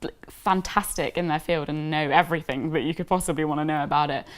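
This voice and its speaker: A woman's voice: deep voice, fairly even intonation, fast. A young woman from Newbury, a university student who speaks effusively in an interview. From Newbury, England. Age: young adult. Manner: effusive, enthusiastic. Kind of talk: casual interview testimony.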